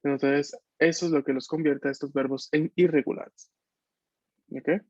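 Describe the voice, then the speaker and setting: A man's voice: a little high, steady tone, normal speed, a little mellow, dry recording. A man teaching a beginners' language class over a video call, patiently checking that students follow. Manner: patient, checks understanding with frequent questions. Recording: dull, dry video-call audio.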